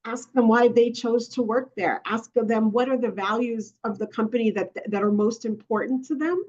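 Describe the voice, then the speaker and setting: A woman consultant speaking on an online panel. Her voice sits fairly high and comes through muffled, lo-fi call audio. She talks conversationally, thinking aloud with plenty of fillers. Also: normal speed, darkish tone. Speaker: consultant and coach. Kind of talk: webinar panel answer.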